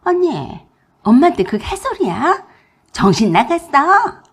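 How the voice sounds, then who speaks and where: A woman voicing a mocking, shrill young sister-in-law in a radio drama. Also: very animated, measured pace, exaggerated voice. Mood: indignant.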